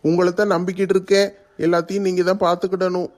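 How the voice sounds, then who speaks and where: A man plays a worried village elder in a homemade skit. His voice sits high and barely moves in pitch, and he speaks insistently. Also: little pitch movement, fast, a little mellow. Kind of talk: family skit acting.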